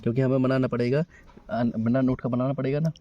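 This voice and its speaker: Man teaching a class in a warm low voice. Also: flat delivery, quick pace, lo-fi sound. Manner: explains in question-and-answer style, checks with students. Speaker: coaching teacher. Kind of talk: classroom exam-paper walkthrough.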